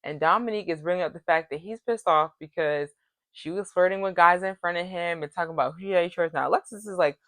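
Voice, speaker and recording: Woman vlogger, lowish pitch, dry close sound, chatty and animated recap delivery. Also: quick pace, no echo. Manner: chatty retelling, full of "like" and quoted dialogue. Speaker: reality show recap vlogger. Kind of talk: casual recap vlog.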